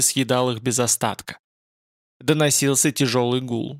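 A man narrating a fantasy audiobook in a measured, dramatic way. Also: mid-range voice, fairly bright tone, no echo, studio quality.

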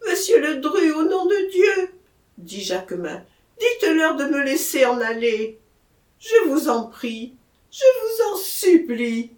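A woman's voice: sits high, expressive, takes it slowly, echoey room, voice pushed up. A woman voicing a terrified male murderer, pleading and near tears, in an audiobook.

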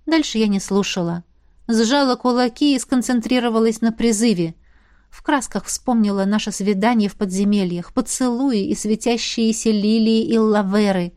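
A woman narrating a fantasy novel in the first person, in a lively, expressive storytelling manner. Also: a little high, no room sound, clean studio sound. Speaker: audiobook narrator.

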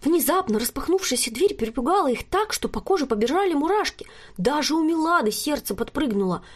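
Lively woman reading a children's story. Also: high-pitched, a little fast. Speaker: reader. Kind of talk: storybook narration.

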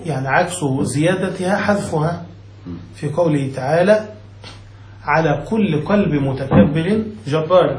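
A man's voice: on the high side, reverberant, rough recording. A man, a sheikh, teaching a classical grammar text, reading a passage and then explaining it, often checking whether his students follow.

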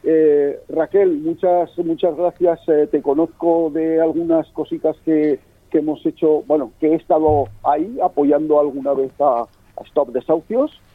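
A man's voice: fairly high pitch, steady tone, a little slow, no echo. A man calling in to a radio talk show over the phone from a bar terrace, speaking politely and hesitantly. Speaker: radio caller. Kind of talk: call-in comment on talk radio. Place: bar terrace outdoors in a village. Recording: tinny muffled phone line.

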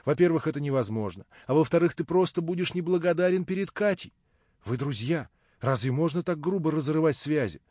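An anxious young woman, pleading fast and fretful, her voice raised a little higher than the reader's own, as a male narrator puts her on. Dull, dry lo-fi recording. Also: lively intonation, darkish tone, dry recording. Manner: urgent, fretful.

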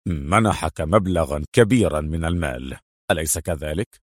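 A man doing a stern, low-voiced agent hero. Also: moderate pace, dry recording, studio quality. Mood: angry. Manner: firm, low and controlled. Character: cool, stern male secret agent hero. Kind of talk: audiobook character voice.

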